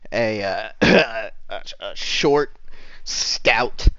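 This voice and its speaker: A man runs a tabletop game as game master, narrating in a halting way with many fillers. His voice is a bit low. The audio is dull and dry. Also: sharp tone, dry recording.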